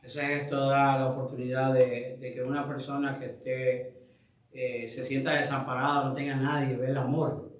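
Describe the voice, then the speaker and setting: A man's voice: medium pitch, little pitch movement, normal speed. Man teaching a Bible study from afar. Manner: reflective, asks the group questions. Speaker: pastor leading a Bible study. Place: church room. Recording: echoey room, voice from far off.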